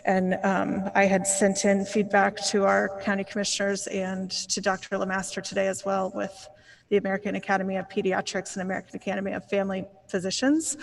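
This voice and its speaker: Female board member with vocal fry and little pitch movement, speaking at a meeting. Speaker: healthcare professional. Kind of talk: giving remarks at a board meeting.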